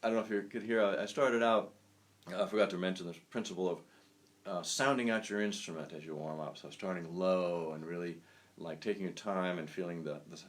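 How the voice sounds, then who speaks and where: A saxophonist talking through improvisation ideas in a casual, rambling lesson, full of fillers and restarts. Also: male voice, sits low. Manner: rambling and thoughtful, many fillers.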